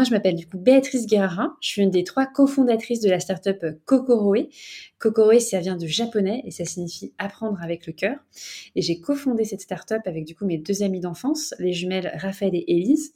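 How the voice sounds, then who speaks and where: A young woman, a startup cofounder interviewed as a guest, speaking casually and chattily and often saying "tu vois". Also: mid-range voice. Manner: lively, chatty, peppered with "tu vois".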